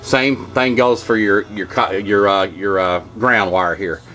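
A man's voice: lowish voice, fairly even intonation, measured pace, pushed and bright. A man, an HVAC technician giving a folksy, rambling how-to demonstration in his home workshop. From Kentucky. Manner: folksy, rambling, lots of "uh" and "okay, y'all". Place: home workshop with wood-paneled walls.

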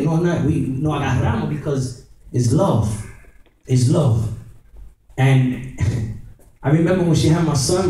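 A man's voice: fairly high pitch, dark tone, slight background noise. A man preaching a storytelling sermon, mixing two languages mid-sentence and laughing often as he tells his stories. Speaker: evangelist preacher. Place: coffee house gathering. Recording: very roomy sound from far off.

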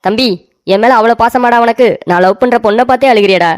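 A woman's voice: on the high side, fast talker, no echo, soft background music, natural voice. A woman voicing a bossy, melodramatic older brother in a cartoon story, talking in a scolding, blustering way. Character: bossy, self-pitying elder brother, grown man.

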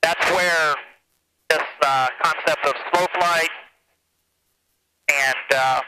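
An American man in his thirties talking like a pilot over the radio, giving measured, hesitant, matter-of-fact flight commentary into a headset mic. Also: on the high side, fairly even intonation. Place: open cockpit of a small light aircraft. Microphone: aviation headset boom mic. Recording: noisy cockpit headset intercom audio.

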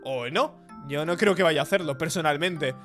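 A man reading the lines of a manipulative, sharp-tongued teenage girl in a game, in a mocking tone. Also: on the high side, moderate pace, soft background music, natural voice. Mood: scheming.

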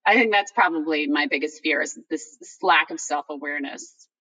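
A middle-aged woman talking candidly on a video call, telling personal anecdotes in a halting, informal way as she thinks aloud. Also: low voice, sharp tone, slightly rough. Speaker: guest author. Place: room by a bright window, indoors. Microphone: video call, distant computer microphone. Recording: distant video-call microphone.

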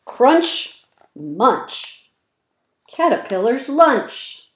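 An early childhood educator in her fifties reads a picture book aloud to young children, her fairly high voice slow and deliberate with expressive emphasis on words. She's in an indoor room at home by the windows, recorded on a webcam with roomy, echoey sound.

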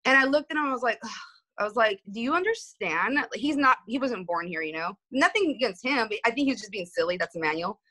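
Woman, business owner, casual chat; emotional storyteller with a raised, sharp, bright tone. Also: a little high, animated, quick pace, poor audio. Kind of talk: casual conversation.

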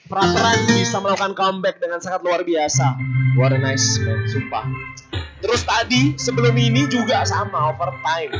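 A commentator hoarse from yelling, calling live basketball in an informal, exclamatory way with English phrases mixed in. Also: mid-range voice. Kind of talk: excited live sports commentary. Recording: dull lo-fi broadcast sound, loud music behind.

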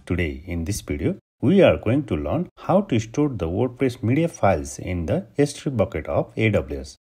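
A man from Nepal narrates a screen-recorded tutorial, giving clicks and steps one at a time. His voice is low and a little husky. His pitch swings widely from phrase to phrase. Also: moderate pace, soft background music. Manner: steady step-by-step instructions. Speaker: tutorial host.

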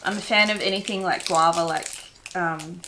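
A chatty Australian woman hosting a relaxed snack-tasting video. She keeps talking even with her mouth full, in an easy, casual way. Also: fairly low pitch, normal speed, noisy background. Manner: chatty, talks while chewing. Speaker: host.

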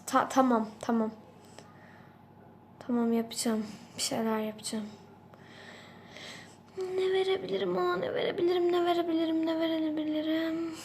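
Game role-play: a woman voicing a guilty father begging forgiveness, soft and pleading. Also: very high-pitched, moderate pace, long pauses, a little hiss or hum. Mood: meek. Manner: pleading, apologetic. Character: remorseful father trying to win back daughter.

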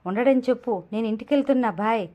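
Woman voicing a sharp-tongued angry young woman. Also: fairly high pitch, quick pace, lightly acted. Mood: irritated. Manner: angry scolding. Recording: dull lo-fi audio.

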